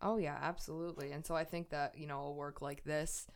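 An American woman hosting a podcast talks conversationally about a book, articulate and reflective. Her voice is low and level in tone, and she speaks a little fast.

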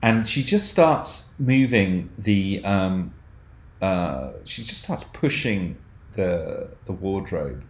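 A man narrates a tabletop horror game as game master, slowly and with a lowish voice. He describes scenes haltingly, with many fillers and restarts. The recording has a roomy, echoey sound. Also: lively intonation.

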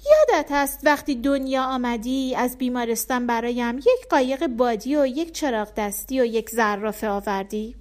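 Casting: a woman doing a curious small boy, high and wide-eyed, eager and questioning, storybook reading. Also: expressive, few pauses, lightly acted. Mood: childlike. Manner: eager, questioning child talk.

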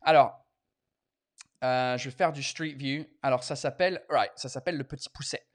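Man, casual bilingual live chat, swears a lot, mid pitch. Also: moderate pace. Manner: mixes French and English, swears freely. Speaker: host.

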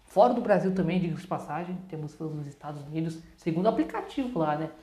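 A woman with a Brazilian Portuguese accent hosts a podcast in a lowish, dark-toned voice. She talks casually and with plenty of slang, drifting off into asides. The sound is roomy, with noticeable echo. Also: lively intonation, fast talker. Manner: colloquial and slangy, rambling with asides. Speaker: podcast host. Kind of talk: casual chat with channel announcements.

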